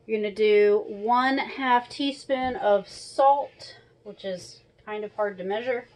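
A woman in her thirties walks through a recipe step by step in a chatty, instructive way from her small kitchen at home. She talks slowly at a medium pitch, and the rough recording carries noticeable background noise and clicks.

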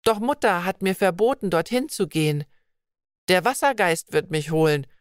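A woman's voice: on the low side, lively intonation, moderate pace, clean tone, no echo, studio quality, lightly acted. Vibeka, a woman doing a shy young maiden. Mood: fearful. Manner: soft, polite, old-fashioned speech.

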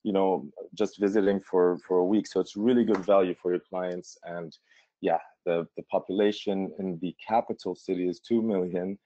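Jordanian man, low and dry-sounding, chatty presenter who fills pauses with ums. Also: fairly even intonation, mellow, no echo. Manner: casual, many fillers and restarts. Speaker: tourism board presenter. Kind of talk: webinar presentation. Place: Washington D.C. remote setup. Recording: dull lo-fi audio.

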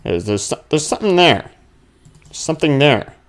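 A let's play gamer offers casual, thinking-aloud commentary on a horror game, grumbling and muttering before breaking into sudden exclamations. His voice is a little high and sing-song, at a normal speed.

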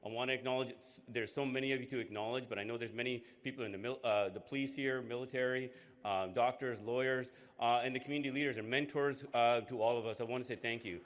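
Halting man giving a public speech. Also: medium pitch, fairly even intonation. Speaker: politician co-hosting an event. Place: indoor hall, on stage at a podium. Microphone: podium microphone.

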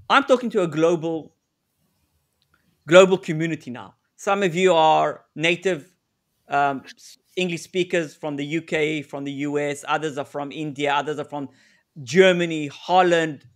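Here a middle-aged South African man presents a live webinar over video call as a negotiation consultant, his high voice a bit bright. He keeps it conversational, repeating words as he works through his thoughts and performing sample exchanges.

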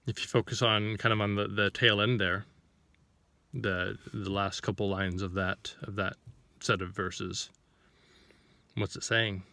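Man, informal preacher, low and bright-edged, dry close sound, questioning style. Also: little pitch movement, unhurried, no room sound. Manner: reads scripture then explains it, asking rhetorical questions; searching for words, with frequent restarts. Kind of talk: informal sermon to camera.

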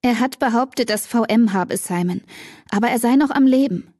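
In a dry studio recording, a woman uses a fairly high, darkish voice, pitched above her own but close to everyday speech, at normal speed. She plays an emotional teenage girl, tearful and torn, her voice rising and breaking in a tense mood.

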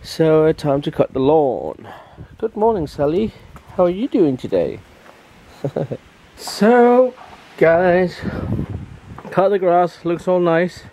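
A high, sing-song voice, slow and mellow with frequent pauses, belongs to a thirty-something Danish vlogger whose lo-fi daily vlog is shot on a handheld camera at arm's length. Out on a windy beach and partly at home, he chats in a rambling way, laughs often and baby-talks to his dog as wind buffets the mic.

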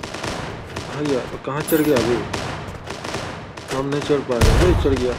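An excited man narrates his own shooter match live, joking and firing off short urgent calls. His voice sits in a middle pitch. Loud gunfire and blasts from the game run under every word. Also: a little slow, very noisy. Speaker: gaming streamer. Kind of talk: live gameplay commentary.

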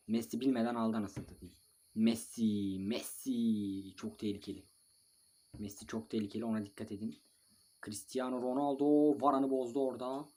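Young man excitedly commentating his football game. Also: mid-range voice, slight background noise. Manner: excitable, urges and scolds his players by name; bursts of shouting and mild swearing. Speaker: mobile football gamer and video maker. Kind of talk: live commentary over his own online match.

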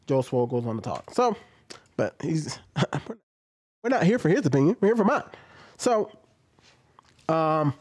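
A man's voice: medium pitch, a little mellow, no echo. A man in his thirties giving blunt, casual reaction commentary from his home room into a close studio microphone, talking loosely with lots of fillers. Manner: blunt, conversational, many fillers. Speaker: commentary vlogger. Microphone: studio XLR mic on boom, close.

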